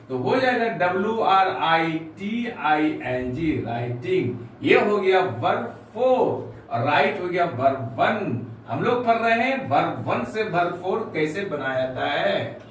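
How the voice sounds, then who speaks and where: Male teacher, high voice, methodical letter-by-letter delivery; distant mic in a very echoey room with faint noise. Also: sing-song. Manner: slow, spells words letter by letter. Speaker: English teacher. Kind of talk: grammar lesson explaining rules.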